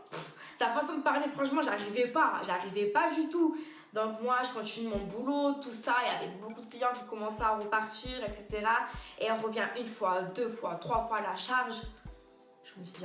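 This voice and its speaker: A young woman vlogger telling a story in a chatty, slangy way, bursting into loud, indignant quotes. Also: a little high, a little fast, reverberant, soft background music. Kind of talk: casual storytime to camera.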